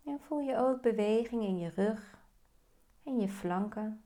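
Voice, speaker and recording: A woman guiding a meditation, giving slow, calm, soft-spoken instructions. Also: fairly high pitch. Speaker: meditation guide. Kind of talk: guided meditation.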